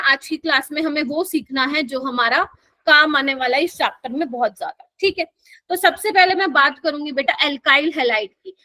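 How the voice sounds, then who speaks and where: A woman's voice: sits high, pushed and bright, dry recording. A woman teaching a live chemistry class, coaxing and quizzing her students as she explains. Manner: coaxing, keeps quizzing students and calling them "my child".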